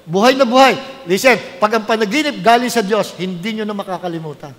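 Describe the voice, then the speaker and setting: High-voiced Filipino pastor preaching in a hall. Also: male voice, a little fast. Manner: animated storytelling, mixing English into Filipino. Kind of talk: sermon.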